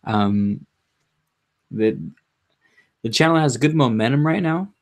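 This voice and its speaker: A man hosting a casual livestream, chatting to viewers in a subdued, low-energy, rambling way with halting self-interruptions. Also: lively intonation, darkish tone. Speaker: livestream host. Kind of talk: casual live chat to viewers.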